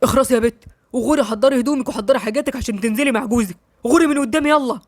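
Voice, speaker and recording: Brief: woman reading as a harsh old Egyptian patriarch, quick and overbearing, dry close sound. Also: fairly high pitch, steady tone, a little mellow, dry recording, natural voice. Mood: furious. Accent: Egyptian Arabic. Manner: harsh commanding orders. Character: stern old village grandfather, domineering.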